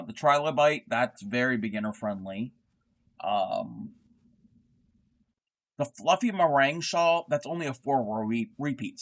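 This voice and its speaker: A man hosts a relaxed crochet livestream chat in a mid-range voice with a Southern American accent. As he works, his words often trail off into murmurs.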